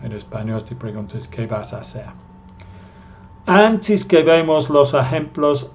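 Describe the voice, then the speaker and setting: Slow, careful male language teacher. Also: medium pitch, a little mellow. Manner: slow and careful, repeating example sentences for learners to copy. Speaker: English teacher. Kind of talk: recorded language lesson.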